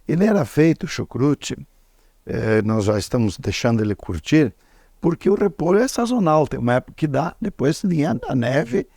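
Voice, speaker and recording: A man's voice: a little high, lively intonation, moderate pace, vocal fry, a little mellow, no room sound, studio quality. A man hosting a cooking show, chatting casually, asking questions and adding trivia. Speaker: host.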